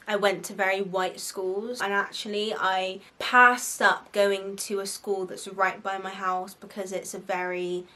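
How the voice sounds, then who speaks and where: Frank and chatty, a young adult woman with a Bristol accent dishes out casual advice on her faith podcast, laughing often and leaning on "like" as a filler. Her mid-range voice comes across pushed and bright.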